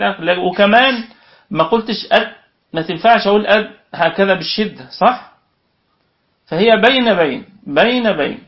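A man with an Egyptian accent teaching a Quran recitation lesson, patiently explaining and sounding out letters aloud, then checking with his students. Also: high voice. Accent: Egyptian Arabic. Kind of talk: online tajweed lesson. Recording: dull lo-fi audio.

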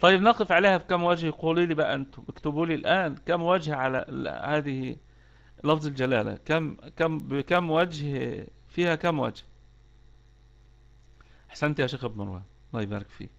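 A man's voice: on the high side, quick pace, vocal fry, a bit bright, highs cut off. A man with an Egyptian accent teaching Quran recitation rules in an online lesson, explaining step by step and repeating key words.

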